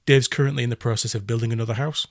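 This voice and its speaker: A man's voice: medium pitch, steady tone, rapid-fire, no room sound, clean studio sound. A man co-hosting a podcast in casual, joking chat. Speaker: podcast host.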